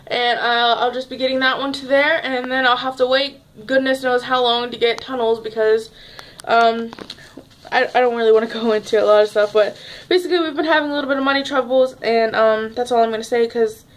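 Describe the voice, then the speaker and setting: A woman's voice: fairly high pitch, steady tone, fairly quick. A young woman chatting casually in a home vlog, rambling and restarting her sentences as she talks to her viewers. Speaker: vlogger. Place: home room, at a table.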